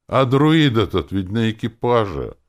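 A man's voice: on the low side, big pitch swings, measured pace, voice pushed up. A man voicing a shy male elf spirit living in a harp, asking things with feigned indifference. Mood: bashful.

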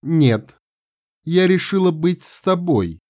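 A man's voice: a little high, animated, takes it slowly, no room sound, pitched above the performer's own voice. A man voicing proud elf princess Leila. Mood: stern. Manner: raised, lighter girlish tone. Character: young female elf princess, proud and spirited. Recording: tinny phone-like sound.

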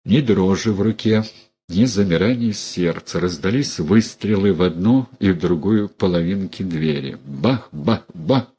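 A man narrating an audiobook in an expressive, dramatic reading. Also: low voice, moderate pace, husky.

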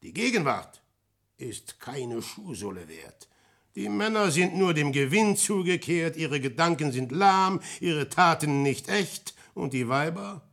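A man's voice: a little high, big pitch swings, a little slow, a bit bright, exaggerated voice. An actor playing Peer Gynt, a restless grandiose adventurer, declaiming his musings in rhyme in a classic radio drama. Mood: brooding, grandiose.

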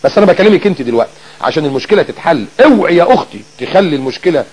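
Fast husky Egyptian preacher. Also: male voice, on the high side, poor audio. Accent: Egyptian Arabic. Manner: lively, full of rhetorical questions and repetition. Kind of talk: colloquial audio sermon.

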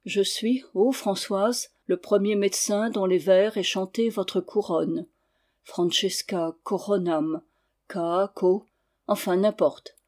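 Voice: mid-range voice, steady tone, takes it slowly, darkish tone, close to an everyday voice. An audiobook reader voicing a court physician who grumbles and mutters to himself. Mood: grumbling. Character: grumbling court physician composing Latin verse. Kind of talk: audiobook reading.

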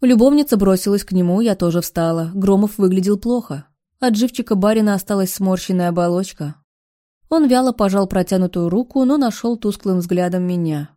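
A woman narrating a novel in the first person, steady and expressive. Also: medium pitch, brisk. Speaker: audiobook narrator.

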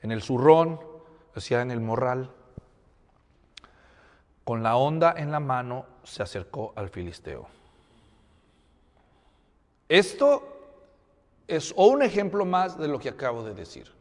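A man preaching a Bible sermon, expressive, swinging from loud emphasis to low tones and asking his listeners questions. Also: takes it slowly, long pauses. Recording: long hall reverb.

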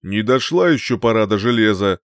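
A wise old male singer-sorcerer, slow and measured, mocking his rivals with quiet scorn, as a man puts him on. The voice rises a little above the storyteller's own and swings widely in pitch. It sounds close and dry, like a storybook being read aloud. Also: animated, no echo, lightly acted. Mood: stern. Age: older.

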